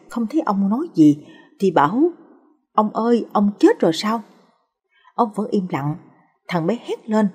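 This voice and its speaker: A woman's voice: on the low side, mellow, breathy edge. A woman narrating a family story in a storytelling style, lightly voicing the characters.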